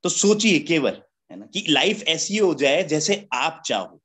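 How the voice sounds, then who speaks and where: Brief: a male motivational speaker with a fairly high voice, addressing a business meeting in a chatty, joking way and leaning on rhetorical questions. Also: very animated, measured pace, fairly bright tone, slightly rough. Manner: rhetorical questions with a constant "है ना?" tag; chatty, joking, laughs at his own points. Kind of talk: motivational seminar talk.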